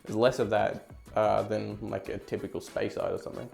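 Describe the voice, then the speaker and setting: A man's voice: on the low side, level tone, fairly quick, gravelly, darkish tone, faint music behind. An Australian man giving a casual whiskey review, rambling a little as he searches for words. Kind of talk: casual tasting chat.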